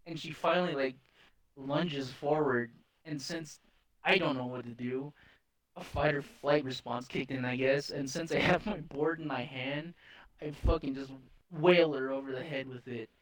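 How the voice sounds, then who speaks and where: A young man casually telling a story on a podcast, animated, swearing and laughing often. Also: mid-range voice, normal speed, rough recording. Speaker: podcast co-host.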